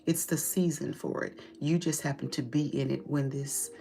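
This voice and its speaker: A woman's voice: low voice, steady tone, moderate pace, mellow, slight background noise. A woman giving a tarot reading straight to her client, direct and emphatic, with casual swearing. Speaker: tarot reader.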